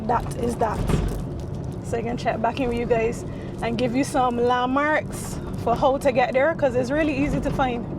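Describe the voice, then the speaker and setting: High-voiced woman in a car. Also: steady tone, normal speed. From Barbados. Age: 30s. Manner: chatty, laughing, joking. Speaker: vlogger. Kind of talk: casual vlog chat while driving. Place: car on a road. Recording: road noise in a car.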